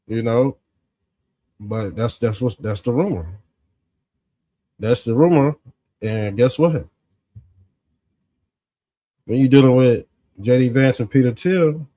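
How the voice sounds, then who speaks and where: Guy doing a slow informal political rant, folksy street talk, smug and sarcastic like hes exposing something. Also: mid-range voice, mellow. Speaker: host of a political commentary show.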